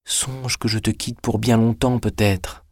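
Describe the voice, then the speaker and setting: A man's voice: lowish voice, steady tone, unhurried, no echo, clean studio sound. A man reading aloud, voicing a calculating young man who speaks firmly and resolutely. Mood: tender.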